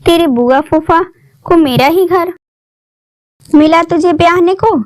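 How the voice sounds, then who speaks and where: A woman voicing a harsh, scolding middle-aged mother-in-law who shouts and taunts. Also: very high voice, takes it slowly, no echo, voice pushed up. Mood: furious.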